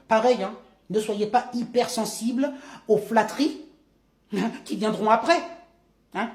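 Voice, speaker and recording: A man's voice: sits high, darkish tone, echoey room. A man giving a casual motivational monologue as a video host, chatty and emphatic, speaking straight to the viewer.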